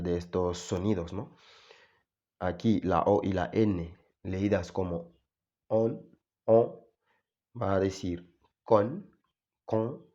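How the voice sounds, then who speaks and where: A man teaching pronunciation in a casual video lesson, halting with many fillers and restarts as he spells out sounds. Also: sits low, darkish tone, lo-fi sound. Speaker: French teacher.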